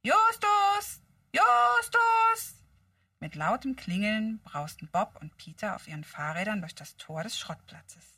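A woman reading a children's book aloud as a guest, animated and friendly. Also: on the low side, moderate pace, hardly any pauses, slightly rough, no echo, clean studio sound. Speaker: guest reader. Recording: distant mic.

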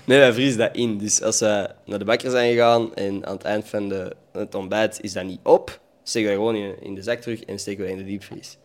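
A man's voice: lowish voice, steady tone, a little fast, few pauses. A young man with a Flemish accent, chatting casually and laughing often. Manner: easygoing, laughs often, affirms a lot. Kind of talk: casual chat.

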